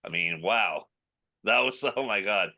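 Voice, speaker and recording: A man's voice: on the low side, lively intonation, a little slow, pushed and bright, dull audio. A man interviewing an actor, asking questions and reacting with enthusiastic admiration.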